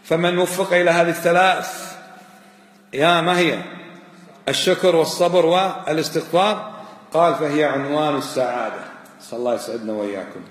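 A man gives a religious lesson at a quick clip, lively and emphatic, and chants the verses he quotes. His voice sits a little high for a man. It rings through a roomy hall with a long echo trailing behind. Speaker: religious teacher. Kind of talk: religious lesson explaining a text. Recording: echoey hall with long reverb.

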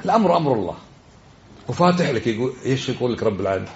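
A man's voice: mid-range voice, sing-song, very fast, darkish tone, muffled recording, a little hiss or hum. A man giving a religious lesson, exhorting his listeners and often asking them questions. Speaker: religious teacher.

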